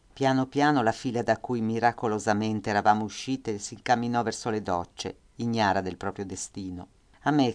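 Low-voiced man reading a memoir gravely. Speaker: audiobook reader.

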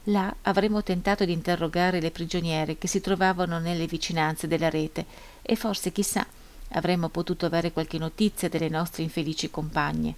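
Brief: woman audiobook reader, lowish voice, grave, measured narration. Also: steady tone. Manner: measured, solemn, grave reading. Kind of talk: scripted narration of a first-person memoir.

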